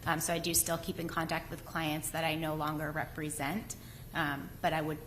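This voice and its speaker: A woman's voice: low voice, flat delivery, moderate pace, a bit bright. A woman giving courtroom testimony as a witness, explaining her answers in an informal way. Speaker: witness, public defender. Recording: faint background noise.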